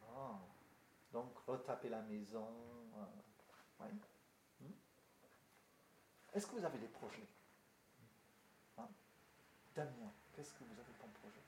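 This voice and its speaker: There are long pauses as this older British pastor talks casually to a group in French, his British accent clear and his delivery hesitant, with many fillers and restarts. His mid-range voice is sing-song and slow, recorded in an echoey room with faint noise.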